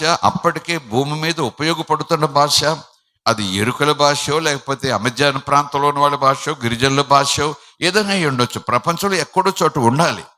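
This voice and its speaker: A man pastor giving a Sunday sermon, preaching with passion and moving between loud emphasis and hushed asides. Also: on the high side, long reverb tail.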